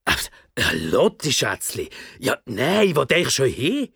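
A woman voicing a flustered, soft-hearted father who stammers, with a Swiss German accent. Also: very deep voice, wildly swooping pitch, slow, gravelly, slightly rough, no echo, clean studio sound, full character voice. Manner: stammering, fumbling for words.

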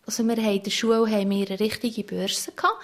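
A woman's voice: mid-range voice, steady tone, fast. A woman, reflecting on her childhood reading. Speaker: interviewee. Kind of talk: reflective personal account.

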